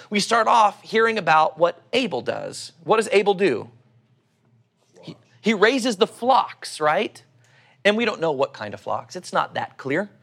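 This middle-aged preacher from Oklahoma has a high, fairly bright voice and a local accent. His sermon is conversational and teacherly, working through scripture and answering the rhetorical questions he poses.

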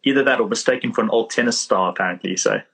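A man's voice: lowish voice, racing, gravelly, a bit bright, slightly rough. A man with a thick South African accent, a chiropractor chatting casually as a podcast guest, modest and self-deprecating.

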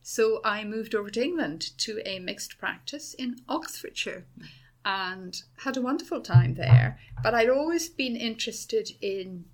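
A woman's voice: on the high side, expressive, measured pace, darkish tone. A middle-aged woman with a Dublin Irish accent, a university principal answering interview questions with enthusiasm and many restarts. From Ireland.

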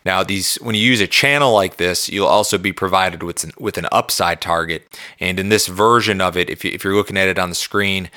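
A man's voice: low-pitched, a little fast, bright, forceful tone, dry recording, clean studio sound. A man hosting a podcast, giving informal market chart commentary in a conversational, loosely phrased way. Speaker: podcast host and market analyst.

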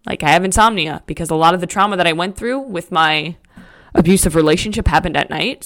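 A woman's voice: lowish voice, a bit bright. A woman hosting a podcast, talking candidly in a motivational monologue with a frank, emphatic, casual manner. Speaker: podcast host.

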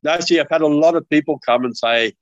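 A man's voice: a little high, fast talker, no echo, muffled recording. An older man with an Australian accent, a podcast guest telling rambling stories with many restarts over a remote call. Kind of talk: casual remote interview.

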